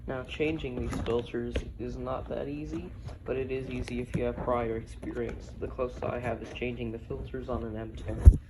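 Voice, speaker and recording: A man's voice: medium pitch, flat delivery, normal speed. A man giving a casual, hands-on product review, a little tentative in how he puts things. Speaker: gas mask reviewer. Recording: noisy amateur video.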